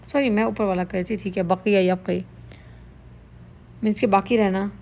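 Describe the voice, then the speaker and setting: A woman's voice: medium pitch, fairly even intonation, darkish tone, slight background noise. Patient woman teaching Arabic vocabulary. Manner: patient, explains each word slowly and repeats it. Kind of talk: vocabulary lesson explained in Urdu with English.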